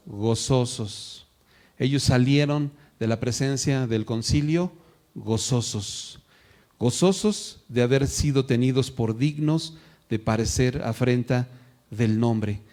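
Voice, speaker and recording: A man's voice: medium pitch, darkish tone. A man preaching a sermon at a church service, asking the congregation questions and acting out the voices he quotes. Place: church service streamed live.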